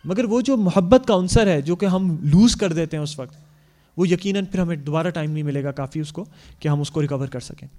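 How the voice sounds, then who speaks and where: High-voiced man giving earnest parenting advice. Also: warm tone. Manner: earnest and explanatory, peppering speech with English words; acts out parents' quoted lines. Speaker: speaker on Islamic parenting.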